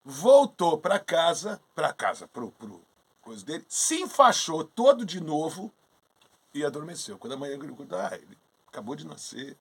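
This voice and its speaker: A man's voice: a little high, moderate pace, slightly rough. A man in casual conversation retelling an old myth, acting out the characters' lines as he goes. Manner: animated, acts out characters' lines in the story. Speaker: astrologer co-host. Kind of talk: casual storytelling chat.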